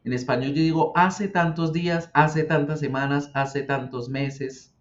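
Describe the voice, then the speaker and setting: A man teaching English pronunciation as a patient teacher who repeats words slowly for the learner. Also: on the high side, fairly even intonation. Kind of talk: explaining English grammar and pronunciation. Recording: dull lo-fi sound.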